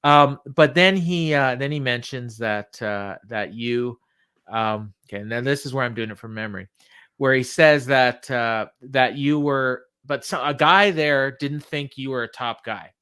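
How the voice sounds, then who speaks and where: A man casually recapping from memory as a podcast co-host, halting and backtracking as he paraphrases what was said. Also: medium pitch, pushed and bright, smooth.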